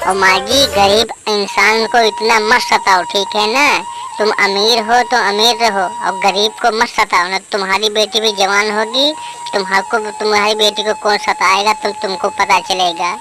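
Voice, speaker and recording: A woman's voice: medium pitch, fairly even intonation, normal speed, lightly acted, poor audio. A woman playing a put-upon, pleading young daughter-in-law in a homemade comedy skit. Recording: music playing behind.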